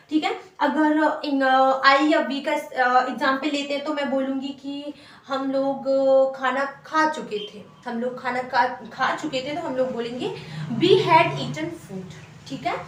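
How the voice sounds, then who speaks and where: A woman's voice: high-pitched, far from the mic. A woman teaching an English grammar lesson, explaining patiently and repeating every example sentence. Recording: echoey room, voice from afar.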